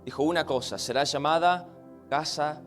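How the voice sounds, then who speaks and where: A man preaching, who says every line once in English and once in Spanish. His voice sits a little high, and quiet music plays under him. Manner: preaching loudly in the opening, then quiet and halting as he tells a personal story; hesitant, repeats words as he searches for them. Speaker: pastor. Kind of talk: bilingual sermon, repeating each line in English and Spanish.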